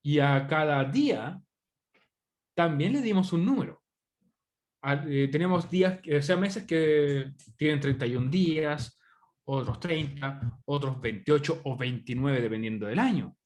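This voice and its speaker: A man's voice: on the high side, lively intonation, a little slow, a little mellow. A man from Chile, teaching an online English class in Spanish, often checking in with students. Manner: chatty, asks students questions often. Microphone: computer microphone on a video call.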